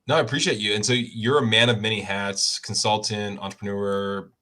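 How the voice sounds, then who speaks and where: A man's voice: lowish voice, steady tone, a little fast, pushed and bright. A man hosting a podcast interview, friendly and a bit self-correcting, stumbling over names now and then. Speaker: podcast host. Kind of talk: casual interview chat.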